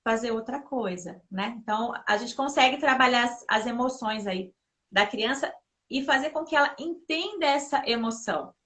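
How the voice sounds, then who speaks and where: A woman speaks as a guest on a parenting talk, telling stories from home in a lively, chatty way and turning to the listeners as she goes. Her voice is bright and clear, sitting a little high. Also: normal speed. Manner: lively anecdotal, often addresses listeners directly. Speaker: guest, mother. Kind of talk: casual conversational advice.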